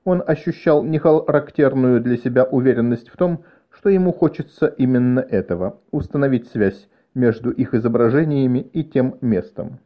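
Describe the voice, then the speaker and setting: A man narrating an audiobook in a measured, even storytelling manner. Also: medium pitch. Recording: dull lo-fi recording.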